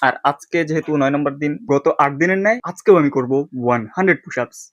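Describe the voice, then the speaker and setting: A man talks at a very rapid clip in a slightly high voice, a dry sound free of room echo. He speaks as an informal fitness vlogger, addressing viewers directly and dropping into his speech. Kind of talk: casual fitness vlog.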